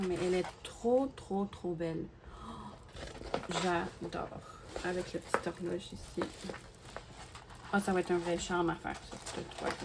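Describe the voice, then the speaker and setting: A woman chats through a craft unboxing, with a mid-pitched voice and easy fillers. She repeats her words when she gushes and talks straight to her viewers. The home recording carries a steady hiss and small clicks. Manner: chatty, gushing, many fillers and repeats. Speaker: crafting YouTuber. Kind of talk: casual unboxing talk to viewers. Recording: steady background noise with clicks.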